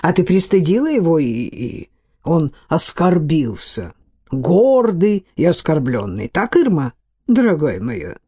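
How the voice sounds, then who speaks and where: Woman doing a verbose male doctor, ornate and lecturing, warm tone. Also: low-pitched, big pitch swings, a little slow, breathy edge, voice pushed down, heavily acted. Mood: flustered. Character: flowery, verbose middle-aged male doctor. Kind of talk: audiobook reading.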